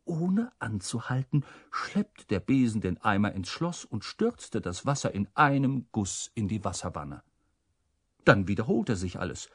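A man reading a children's story aloud in a playful, animated way. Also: medium pitch, breathy edge, no room sound, clean studio sound. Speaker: narrator.

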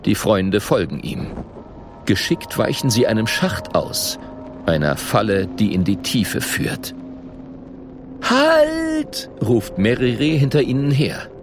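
A man narrating a children's story with animated, gravelly delivery. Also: fairly low pitch, measured pace, background noise. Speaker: audiobook narrator.

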